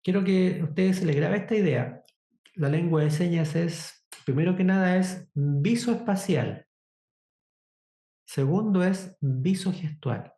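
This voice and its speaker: Instructor with a mellow voice. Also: medium pitch. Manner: deliberate explanations with frequent "¿cierto?" check-ins. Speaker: sign language instructor. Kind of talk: workshop lesson. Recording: echoey room.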